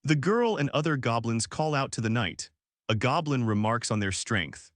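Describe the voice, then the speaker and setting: A man's voice: medium pitch, animated, moderate pace, fairly bright tone, no room sound, studio quality. A man narrating a comic recap in a scripted storytelling voice.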